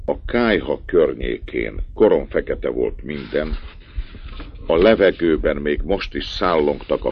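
A man reading a story aloud in a measured, expressive way with a gravelly voice. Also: extremely low pitch, slight background noise. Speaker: narrator. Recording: dull dry lo-fi recording.

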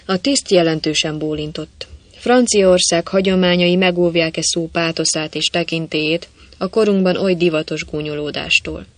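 A man reading a novel aloud as an audiobook narrator, telling it in a lively way. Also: on the high side, dry recording. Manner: lively storytelling, voicing quoted characters. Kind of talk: scripted narration.

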